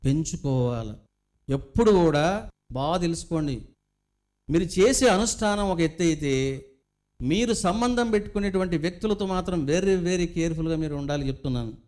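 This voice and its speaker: A man's voice: a little high, a little mellow. A middle-aged man, a spiritual teacher, giving a devotional discourse full of stories and rhetorical questions to his listeners.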